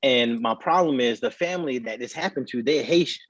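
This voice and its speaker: A man's voice: medium pitch, fairly quick, no room sound. Muffled man, like through a wall. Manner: earnest and heated, speaks in short restarting bursts. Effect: muffled, as if heard through a wall. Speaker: podcast co-host. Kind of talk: casual opinionated chat. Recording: dull muffled remote call audio.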